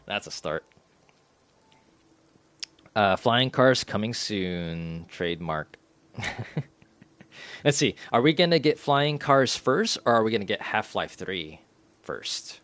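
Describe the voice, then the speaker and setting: A man's voice: fairly low pitch, lively intonation, slow, pauses often, a bit bright. A man in his thirties chatting casually on a live stream, rambling and laughing as he reads the chat. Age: 30s.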